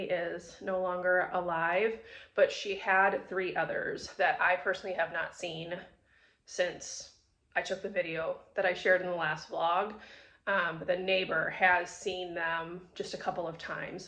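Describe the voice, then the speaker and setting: A woman's voice: on the low side, a bit bright. A woman giving a casual, chatty vlog update, filmed on a handheld phone in an echoey, mostly empty house. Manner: chatty, rambling, with many fillers. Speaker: reading vlogger. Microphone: phone held in hand.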